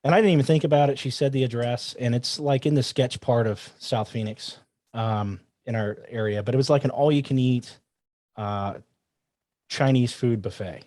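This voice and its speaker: A man's voice: mid-range voice, moderate pace, no echo. Dry, close-sounding man telling a story. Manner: animated, quotes himself and others in asides. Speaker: firearms trainer guest. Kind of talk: casual storytelling.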